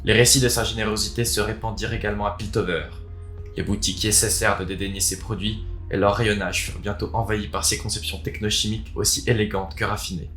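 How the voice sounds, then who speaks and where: As the host of a video, a man gives a casual intro and then reads a written story aloud with expression. He talks fast in a fairly low, fairly bright voice with a flat delivery. Background music plays beneath his roomy, echoing sound.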